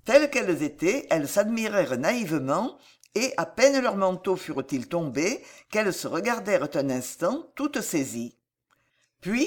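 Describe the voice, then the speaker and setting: A woman narrating a historical novel as an audiobook reader, in measured, expressive storytelling. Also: medium pitch.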